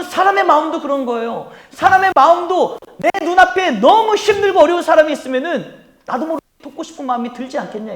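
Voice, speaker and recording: A man preaching a Sunday sermon as pastor, swinging from hushed tones to loud calls to the congregation and acting out pleading prayers. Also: very high-pitched. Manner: acts out pleading voices in quoted prayers. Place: church sanctuary. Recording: echoey church hall.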